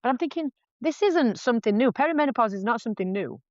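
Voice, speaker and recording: A podcast guest in her 40s, this face painter talks in a candid, casual way, chatty and frank with lots of restarts. Her voice is a little high, with lively intonation and a quick pace, and there's no room sound. The recording is dull, dry lo-fi podcast audio.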